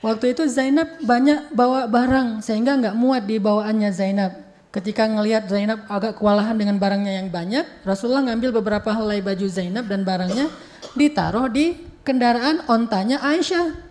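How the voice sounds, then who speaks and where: Woman preacher, casual religious talk, chatty and lively storytelling, voice on the high side. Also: a little fast.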